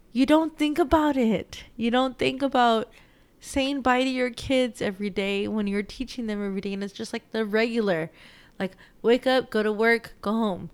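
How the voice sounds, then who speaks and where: A woman's voice: medium pitch, clean tone. A young woman teacher with a Texan accent chatting through her week in a casual vlog, emotional and laughing often. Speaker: teacher and vlogger. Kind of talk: casual weekly recap vlog.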